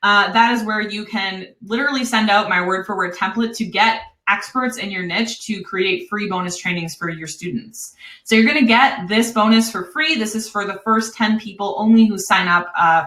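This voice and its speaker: A woman with a Wisconsin accent hosting a live webinar, pitching an online course in an upbeat, chatty way with frequent laughs. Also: normal speed, sharp tone, roomy sound.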